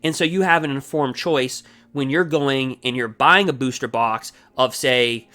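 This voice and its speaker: A man hosting his own card game channel, talking fast and energetically in a rambling, casual way with many asides. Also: medium pitch, pushed and bright. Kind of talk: casual solo gameplay commentary. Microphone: desk microphone.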